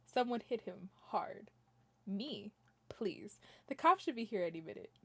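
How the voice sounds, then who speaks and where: A woman voicing a weary, wry male game character in trouble, quiet and dry. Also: medium pitch, animated, unhurried, slightly rough, no room sound, voice pushed down.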